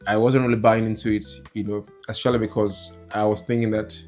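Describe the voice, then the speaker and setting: Casting: young man from Nigeria, lowish voice, halting and filler-heavy, soft guitar under. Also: level tone. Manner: hesitant, many "you know" fillers. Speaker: co-host, husband. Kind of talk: casual couple chat. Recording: soft guitar music behind.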